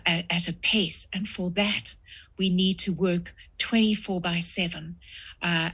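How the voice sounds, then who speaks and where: A woman in her sixties from South Africa, a guest author answering podcast interview questions in a measured way with frequent pauses. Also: lowish voice, bright, forceful tone, breathy edge.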